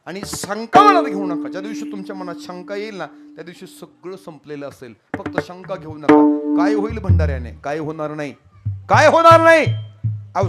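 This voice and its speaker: A man delivers a devotional kirtan sermon, telling stories and addressing his listeners directly. He swings between soft asides and loud, high exclamations.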